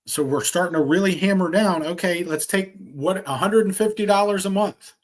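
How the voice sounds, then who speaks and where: Guy doing an energetic screen-share demo, salesy, kinda high voice. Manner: energetic, salesy, quick asides. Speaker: insurance agent trainer. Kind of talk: screen-share software walkthrough.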